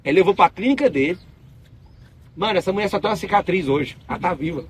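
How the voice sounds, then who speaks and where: Brazilian guy doing a spiritual talk, high voice, rattles off quick slangy stories. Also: slight background noise. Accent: Brazilian Portuguese. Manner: animated, slangy storytelling. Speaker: spiritual speaker. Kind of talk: casual spiritual talk to an audience.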